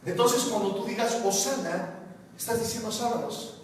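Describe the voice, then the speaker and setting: A high-voiced man preaches with fervent emphasis, his voice ringing through a big reverberant church hall. He stands well back from the microphone, and a faint hiss sits under the sound. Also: moderate pace. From Mexico. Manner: emphatic, often quotes the crowd with rising exclamations. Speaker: pastor. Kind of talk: sermon. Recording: roomy hall reverb, distant mic.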